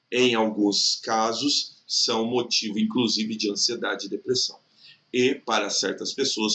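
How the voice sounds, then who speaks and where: This Brazilian Portuguese exam prep teacher has a medium-pitched, pushed and bright voice in his recorded online lesson. He talks in a chatty way, frequently checks that the listener is following, and draws words out slowly to mark where the stress falls.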